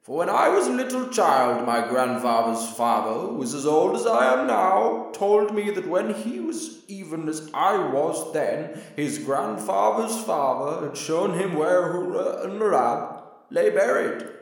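A man voicing a very old, frail man who speaks high and slow. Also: animated, vocal fry, very echoey, long reverb tail, full character voice, poor audio. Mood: quavering.

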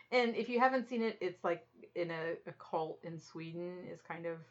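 A woman's voice: lowish voice, normal speed. Dry-humored woman podcast host, lo-fi. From United States. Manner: dry, teasing, leads the talk. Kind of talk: casual chat. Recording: dull lo-fi sound.

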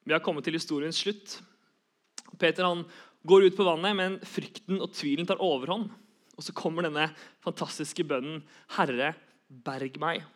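A man's voice: a little high, steady tone. A young man giving an earnest sermon, repeating key phrases for emphasis. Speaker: preacher.

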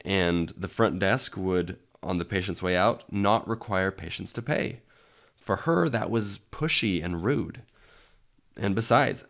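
Scratchy-voiced man, fairly low. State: under the weather. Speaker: podcast host. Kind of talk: conversational solo podcast talk.

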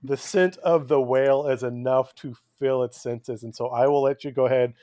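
A man's voice: mid-range voice, steady tone, moderate pace, warm tone, no room sound, clean studio sound. A man running a tabletop game, narrating and refereeing in an explanatory way with hesitant phrasing. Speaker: game master.

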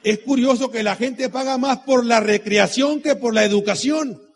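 A middle-aged man with a very high voice speaks at normal speed, giving a motivational talk to an audience at a business meeting. He is preachy, asks rhetorical questions, repeats his key lines and weaves in personal anecdotes.

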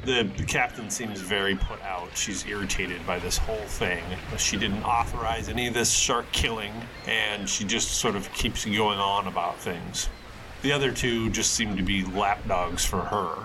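A man with a fairly low voice runs a tabletop game, narrating scenes and answering players. Clear ambient noise sits behind him. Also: steady tone, moderate pace. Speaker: game master.

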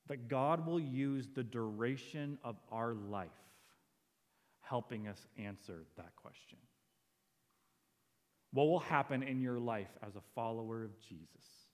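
A man's voice: medium pitch, long reverb tail. A man preaching a sermon as a pastor, earnest and conversational, quoting lines as he goes. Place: church sanctuary.

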